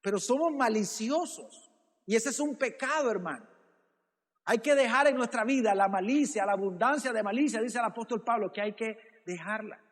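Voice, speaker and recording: A man's voice: very high-pitched, animated, moderate pace, long reverb tail. A male pastor preaching a sermon, calling out "brother" and asking rhetorical questions. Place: church.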